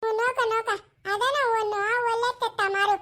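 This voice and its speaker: A woman playing a sharp-tongued village woman who teases and scolds in a family drama. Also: very high-pitched, steady tone, a little fast. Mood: teasing.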